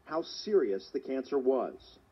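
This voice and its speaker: A man reporting as a news journalist, narrating a scripted story in a measured way. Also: mid-range voice, big pitch swings, breathy edge. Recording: dull lo-fi sound, faint hiss.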